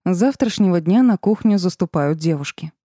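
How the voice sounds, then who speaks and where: Woman with a mellow low voice narrating an audiobook. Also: expressive, a little fast, no echo, studio quality. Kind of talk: first-person audiobook narration.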